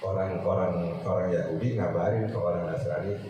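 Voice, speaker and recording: A man's voice: deep voice, steady tone, moderate pace, warm tone. A man giving an evening study sermon in a chatty, conversational way, slipping Arabic recitation in among street slang. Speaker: religious teacher. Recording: very echoey, distant, noisy hall recording.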